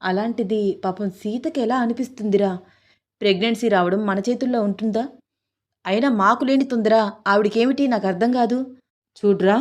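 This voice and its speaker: A woman's voice: mid-range voice, a little mellow, lightly acted. A woman voicing a scolding protective mother. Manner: scolding, indignant. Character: protective middle-aged mother-in-law, scolding.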